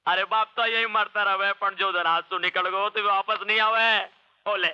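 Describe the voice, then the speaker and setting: An actor playing a crafty, scheming uncle who urges and connives. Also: male voice, high voice, steady tone, moderate pace, clear, resonant tone, lightly acted. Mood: conniving. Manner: urging, conniving. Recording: dull old film soundtrack.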